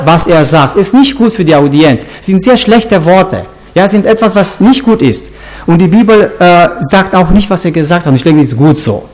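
A man with a high voice that swings widely as he preaches, teaching scripture in an informal way. He keeps turning to his listeners with questions and often breaks off to restart his sentences. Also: darkish tone.

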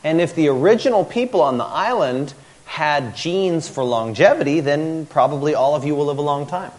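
A man giving a talk, speaking in short phrases and pausing after each one for an interpreter. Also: fairly high pitch, lively intonation. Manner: pauses after each sentence for translation.

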